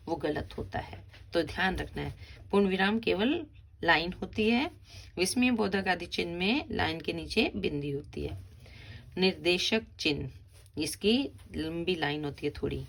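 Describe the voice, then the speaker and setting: A woman's voice: on the low side, gravelly, husky. A middle-aged woman, a school teacher patiently explaining a grammar lesson step by step to children.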